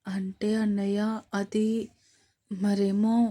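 A woman's voice: medium pitch, little pitch movement, slow pace, dark tone. A woman voicing a shy younger sister who asks confused questions and stammers to her brother. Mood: hesitant. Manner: hesitant, confused.

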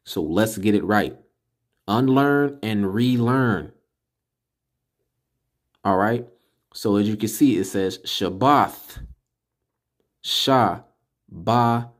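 A man with a Californian accent and a lowish voice gives a spoken Hebrew pronunciation lesson. He is emphatic and slowly repeats the syllables.

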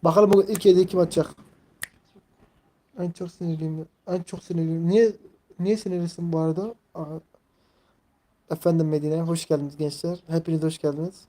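A man's voice: on the high side, fairly even intonation, a little fast, pauses often, warm tone. A man in his twenties chatting casually on a live stream, rambling, leaning heavily on fillers and reading viewers' messages aloud. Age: 20s. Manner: rambling, filler-heavy, reads chat aloud.

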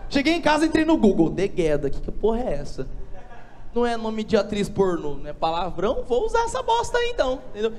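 Young male stand-up comic, São Paulo state accent, very lively swooping delivery, handheld mic in a slightly noisy theatre. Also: high-pitched. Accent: São Paulo state, Brazil. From Brazil. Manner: animated, slangy delivery. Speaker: stand-up comedian. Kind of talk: stand-up comedy storytelling to a live audience. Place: theatre stage, indoors. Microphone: handheld microphone. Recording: noisy live theatre recording with audience.

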